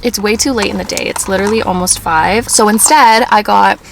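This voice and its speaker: Brief: young woman, casual talky vlogger, mid-pitched, snacking on camera while answering viewer questions. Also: brisk, gravelly, a little hiss or hum. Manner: chatty, eats and chews while talking. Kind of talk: casual Q&A vlog. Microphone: self-filmed on camera.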